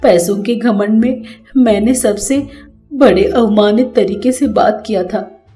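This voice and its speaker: A woman's voice: mid-range voice, unhurried, dark tone, faint music behind, natural voice. A woman voicing a proud, newly rich older mother who talks down to others in a cartoon story. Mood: remorseful. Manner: boastful and scolding, later remorseful.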